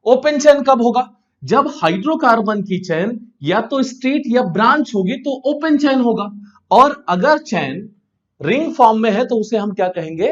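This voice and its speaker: Guy teaching science class, high lively voice, asks then answers himself, kinda dull lo-fi sound. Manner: asks questions and answers them himself, drawn-out key terms. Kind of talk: classroom lecture.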